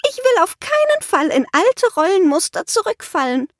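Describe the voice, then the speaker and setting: A woman's voice: extremely high pitch, very animated, normal speed, no echo, clean studio sound, pitched above the performer's own voice, heavily acted. Woman playing a giggly, prim witch. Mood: smug.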